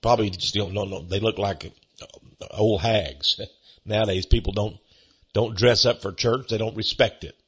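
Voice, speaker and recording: An older man preaching a sermon as pastor, earnest and slow, chuckling between points. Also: fairly low pitch, fairly bright tone, breathy edge. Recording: dull lo-fi recording.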